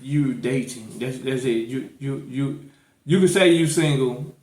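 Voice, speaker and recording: This male podcast host has a medium-pitched, somewhat dark voice and a measured pace. Described as an St guy, he comes across as really relaxed and opinionated, hammering points with repetition and slangy emphasis over a roomy, echoing recording.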